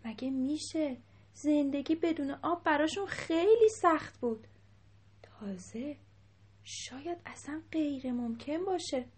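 A woman telling a children's story in a lively voice, dropping into whispers at times. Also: high-pitched. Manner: animated, dips into whispers.

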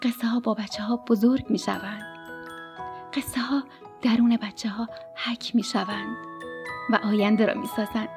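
A woman telling a children's bedtime story on the radio in a tender voice that sometimes drops to a whisper. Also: fairly high pitch.

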